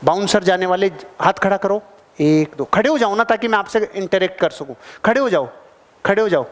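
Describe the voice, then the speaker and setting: High-pitched guy giving a motivational seminar, lively, loud then low, quizzes the crowd, big echoey hall. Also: a little fast. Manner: animated, swings between loud bursts and low asides; addresses the audience directly with questions. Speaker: motivational speaker. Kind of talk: live motivational seminar talk. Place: large hall with a live audience. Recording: long reverb of a big hall.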